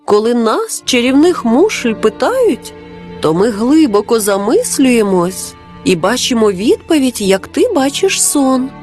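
A magic talking seashell from a children's fairy tale, voiced by a woman with a thin, melodic tone. She speaks gently and dreamily, unhurried and calm. The voice rides high. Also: faint music behind. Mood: dreamy.

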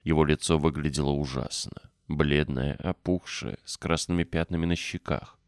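A man narrating an audiobook in an expressive storytelling manner. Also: very deep voice, normal speed, no echo, studio quality. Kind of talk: scripted narration.

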